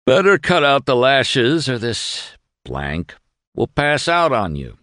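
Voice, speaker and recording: A man's voice: medium pitch, wildly swooping pitch, slow pace, a bit bright, no echo, clean studio sound, voice pushed up, heavily acted. An actor playing a callous, lazy young male doctor who sneers at a prisoner, in a storybook reading. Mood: sneering.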